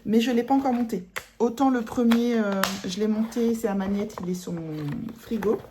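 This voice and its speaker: A woman's voice: a little high, steady tone, normal speed, background noise. A middle-aged woman from France chatting casually at home about her cross-stitch projects, rambling with many fillers and self-corrections. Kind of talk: casual chat showing embroidery.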